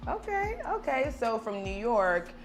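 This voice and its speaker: A woman's voice: fairly high pitch, big pitch swings, measured pace, faint music behind. A woman hosting an interview, prompting her guest with encouraging questions. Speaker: host. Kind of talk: casual interview.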